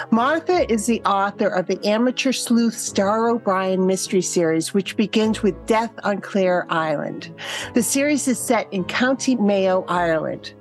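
A woman with a Boston accent hosting an interview podcast. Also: mid-range voice. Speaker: podcast host.

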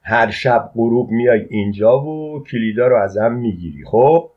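A man doing a gruff, teasing older boss. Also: mid-range voice, close to an everyday voice. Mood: bossy. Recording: dull lo-fi recording.

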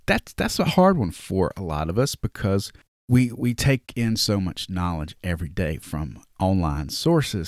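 Man with a Southern drawl, low voice. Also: no room sound, studio quality. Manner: conversational, reads scripture aloud with restarts. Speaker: podcast host. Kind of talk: casual Bible study talk.

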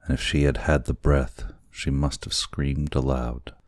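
A man narrating a classic story as an audiobook, in a measured, deliberate reading. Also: extremely low pitch, flat delivery, no echo, studio quality.

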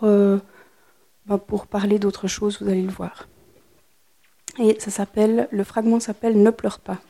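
Woman author, live public reading with commentary, mellow dark tone, searching for words between passages. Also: on the high side. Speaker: author reading her own plays. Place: speaking to a live audience.

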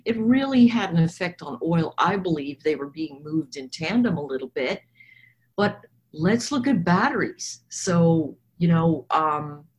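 A woman speaks in a fairly low voice, hoarse and froggy with a smoker's rasp. She rambles a little as she thinks aloud, giving conversational commentary on the markets as a guest. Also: rough recording. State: hoarse from coughing. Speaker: trader and technical analyst guest.

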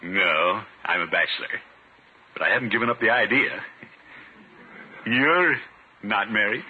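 An actor playing a pompous, sentimental middle-aged bachelor in a 1950s radio comedy, with a theatrical delivery. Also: male voice, lowish voice, a little slow, close to an everyday voice. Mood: smitten. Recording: noisy, muffled old radio broadcast.

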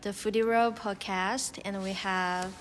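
A woman's voice: medium pitch, steady tone, unhurried. A young woman from China, hosting a casual podcast chat, hesitant with many fillers. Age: young adult. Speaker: podcast host. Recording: reverberant room, faint noise.

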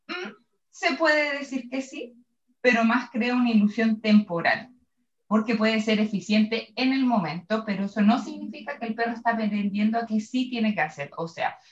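A woman with a Chilean accent, explaining dog training in a podcast chat and acting out examples of owners scolding their dogs. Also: a little high. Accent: Chilean Spanish. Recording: echoey room, dull sound.

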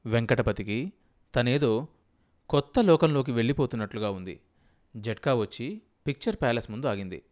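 A man narrating an audiobook in a steady storytelling manner. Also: mid-range voice. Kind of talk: scripted narration.

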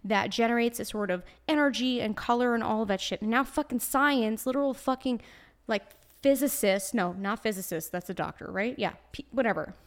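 A woman's voice: fairly high pitch, fairly quick. A woman in her late twenties with a Brooklyn New York accent, talking casually as a podcast host, sassy, blunt and swearing freely. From New York, USA. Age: late 20s. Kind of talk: casual solo podcast talk. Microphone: desk microphone.

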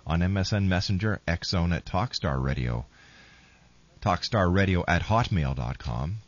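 Deep-voiced male radio host, dull recording. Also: expressive, moderate pace, dry recording. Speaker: radio talk show host. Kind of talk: live show introduction with contact details and guest rundown. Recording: dry, dull lo-fi radio broadcast.

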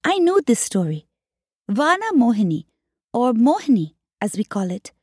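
Breathy, mellow woman audiobook narrator. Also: a little high, big pitch swings, moderate pace, dry recording, clean studio sound.

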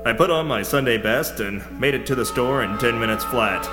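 A man playing a hard-boiled male space detective, narrating in a gruff noir style. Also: medium pitch, brisk, loud music behind the voice, close to an everyday voice. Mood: cocky. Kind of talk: radio-drama parody.

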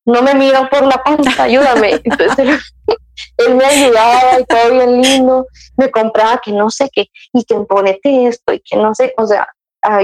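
A woman's voice: a little high, darkish tone, rough recording. A young woman, telling her story in casual chat, acting out her own past words with many restarts. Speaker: guest sharing her motherhood story.

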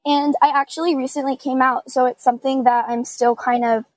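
A woman's voice: sits high, flat delivery, a little fast, no echo, low-quality recording. Young-sounding woman sharing her story. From United States. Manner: candid, searching, frequent "like" and "you know". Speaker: panel guest. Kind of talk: personal story in a podcast panel.

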